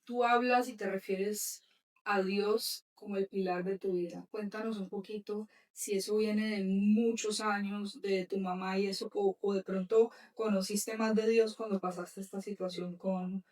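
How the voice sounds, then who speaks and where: A woman hosting a podcast, asking a guest steady, heartfelt questions. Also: medium pitch, a little slow, recorded from a distance. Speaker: podcast host. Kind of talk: interview questions.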